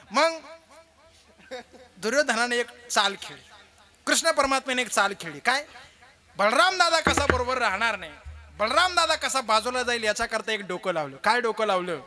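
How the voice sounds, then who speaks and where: A young man preaching a kirtan with a Marathi accent, telling stories and acting out the characters' voices for a live audience. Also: extremely high pitch. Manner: animated, acts out characters' voices, jokes with audience. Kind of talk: kirtan sermon with storytelling.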